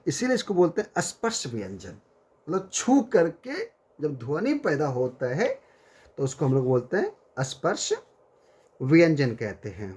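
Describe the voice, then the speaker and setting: A man teaching a Hindi grammar lecture to students, repeating key terms slowly and calling his listeners friends and dear children. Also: fairly high pitch, big pitch swings, darkish tone, slightly rough.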